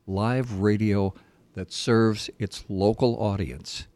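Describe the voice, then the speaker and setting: Older man, seasoned broadcaster guest, lowish pitch, conversational interview delivery, dry close studio. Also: steady tone, slow pace, a little mellow, no room sound. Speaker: veteran radio broadcaster, guest.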